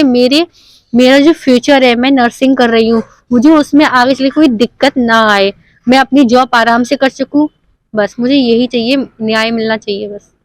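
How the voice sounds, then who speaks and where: A young woman speaks to a reporter in an earnest, insistent way. Her voice sits fairly high and stays on a narrow, steady pitch. The sound is dry and close, with no room echo. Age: young adult. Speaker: nursing student giving a statement. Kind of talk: news interview statement.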